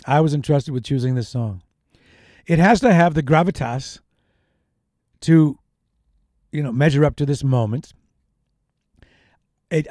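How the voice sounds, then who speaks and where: A man's voice: on the high side, mellow, no echo. A man hosting a live radio show, chatty and reflective, speaking into a studio microphone. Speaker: radio DJ host.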